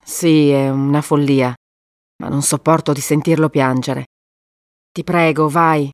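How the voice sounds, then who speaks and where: A woman's voice: fairly low pitch, expressive, moderate pace, no room sound, clean studio sound, lightly acted. A woman voicing a weary, protective young woman in an audiobook.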